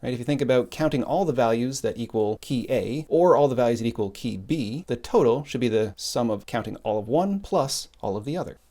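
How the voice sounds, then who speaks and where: A man's voice: mid-range voice, brisk, few pauses. Methodical man explaining a spreadsheet lesson. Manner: calm, methodical explaining while typing. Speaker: instructor. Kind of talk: screen-recorded spreadsheet tutorial.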